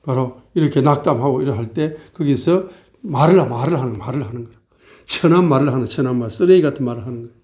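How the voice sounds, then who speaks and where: Man preaching a sermon in a mellow voice. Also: mid-range voice, fast talker. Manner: asks the congregation rhetorical questions; acts out mocking and complaining voices. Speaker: pastor.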